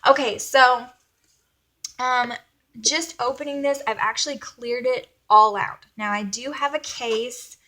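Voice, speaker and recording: A woman's voice: fairly high pitch, measured pace, bright, forceful tone. A woman from Alabama with a Southern US accent, chatting casually and in a rambling, self-effacing way as she hosts a planner video. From Alabama, United States. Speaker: vlogger.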